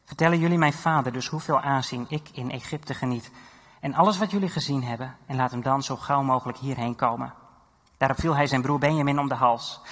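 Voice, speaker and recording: A man preaching a sermon and retelling a Bible story, animated, with loud exhortation and quiet reading. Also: medium pitch, slightly rough. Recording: long hall reverb.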